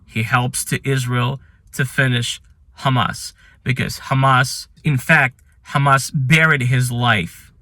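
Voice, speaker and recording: A channel host delivers ranking list commentary in English, not his native language, sounding earnest and admiring, with some halting, imperfect phrasing. His voice is bright and forceful at a middle pitch for a man. The recording is very dry and close-miked.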